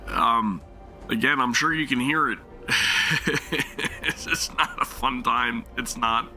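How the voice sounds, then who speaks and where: Speaking slowly, a man with a medium-pitched, bright voice and a forceful tone chats casually during a live game stream over soft background music. A sore throat makes him lose his voice, and he rambles, apologizes frequently and keeps starting over.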